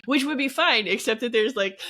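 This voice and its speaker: A woman co-hosting a podcast, talking casually with many pauses and fillers. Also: fairly high pitch, sharp tone. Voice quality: hesitant, filler-heavy, giggly storytelling. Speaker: podcast co-host. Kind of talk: casual chat.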